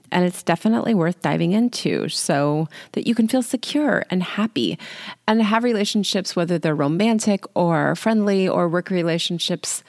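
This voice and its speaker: A woman in her late forties, a life coach, hosts a solo podcast from a small closet at home, sitting on the floor and talking casually into a handheld microphone with no pop filter. Her voice is fairly low and creaky, and she comes across as chatty, informal and self-deprecating. The recording is dry and studio quality.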